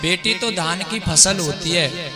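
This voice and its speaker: A man with a high voice gives a slow, unhurried devotional sermon. He sings verses and tells the story with feeling, speaking warmly to his listeners as brothers, with devotional music playing behind him. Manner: emotional, addresses listeners as brother. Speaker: devotional preacher and singer.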